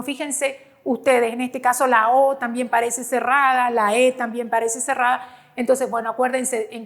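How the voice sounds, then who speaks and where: A woman teacher presents a grammar lesson over slides, patiently repeating points and checking understanding with short hums. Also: sits high. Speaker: school teacher.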